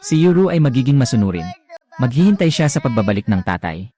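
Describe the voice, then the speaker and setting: A man's voice: medium pitch, sing-song, quick pace, dark tone, faint music behind. A man voicing a meek, mistreated little village girl in a drama recap voice-over, with pleading, plaintive speech.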